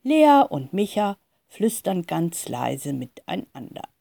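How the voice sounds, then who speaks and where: Slow, mellow woman reading a storybook. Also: on the low side, very animated, creaky, dry recording. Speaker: reader of a children's story. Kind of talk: scripted storybook narration.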